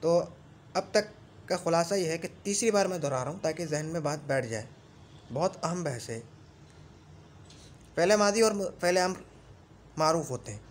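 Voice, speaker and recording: A man teaching Arabic grammar in a classroom lesson, reciting lists of rules slowly and repeating them, and checking in often as he explains. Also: fairly high pitch. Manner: explains patiently with frequent check-ins.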